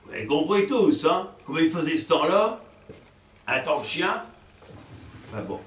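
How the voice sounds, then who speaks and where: Stage farce: male actor as a giddy, lecherous professor, high and lively, roomy distant sound. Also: moderate pace, slight background noise. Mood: comic. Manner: theatrical, excitable, chuckling asides to the audience. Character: bumbling middle-aged male provincial professor, lecherous and fussy. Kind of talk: live stage comedy performance. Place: theater stage.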